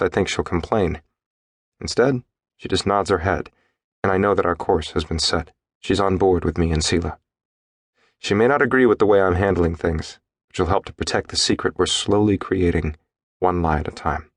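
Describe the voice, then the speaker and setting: A man reading a novel aloud in first person, with steady, measured audiobook narration on a studio microphone. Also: sits low, no room sound.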